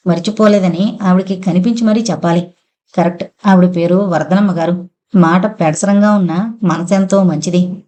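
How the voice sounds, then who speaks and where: A woman narrating a novel in a calm, even storytelling manner. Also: fairly low pitch, normal speed. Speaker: audiobook narrator.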